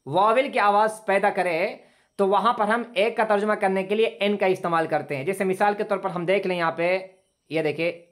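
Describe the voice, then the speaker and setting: Patient man teaching over video call. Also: sits high. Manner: patient, repetitive explaining, slowly drawn-out example sentences. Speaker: English teacher. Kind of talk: online class lecture.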